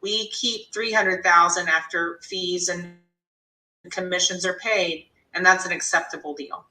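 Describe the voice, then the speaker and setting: Low-voiced woman asking summarizing questions. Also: steady tone, a little slow, sharp tone, echoey room, far from the mic, poor audio. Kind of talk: interview chat.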